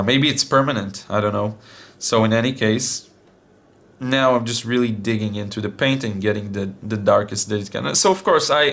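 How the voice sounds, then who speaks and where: A young art channel host demonstrates watercolor paints, relaxed and casual, thinking aloud with plenty of fillers. His voice remains a bit deep from a recent illness.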